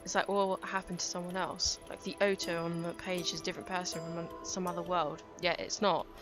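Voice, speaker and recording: A woman voicing a grieving young woman police detective, reading her inner monologue aloud in a low, halting way over game music. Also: flat delivery, close to an everyday voice. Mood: somber.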